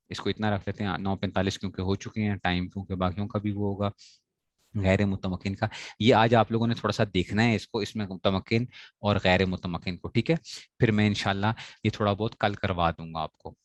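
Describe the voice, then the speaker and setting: Man lecturing on grammar, low voice, dry sound, checks in with students, stresses pronunciation. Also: no room sound. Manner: explains step by step, keeps asking "right?"; stresses correct pronunciation with emphatic rises. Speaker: teacher of Arabic grammar. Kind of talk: classroom lecture.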